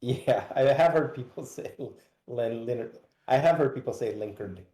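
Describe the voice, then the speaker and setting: A man's voice: mid-range voice, moderate pace, dark tone, reverberant. A man as guest expert explaining technical details casually, hedging with fillers.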